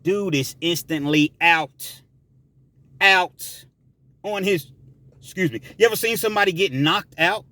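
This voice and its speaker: A man telling a story from prison life in a casual, emphatic way, with shouted sound effects. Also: high-pitched, a little slow, pauses often, dry recording.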